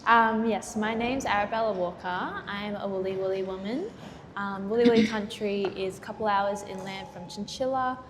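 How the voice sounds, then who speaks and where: A woman's voice: mid-range voice, fairly even intonation, moderate pace. An Australian woman, a guest artist on a gallery panel, speaking hesitantly and casually with many fillers. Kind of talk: public panel conversation. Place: gallery event space. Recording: roomy hall reverb, faint noise.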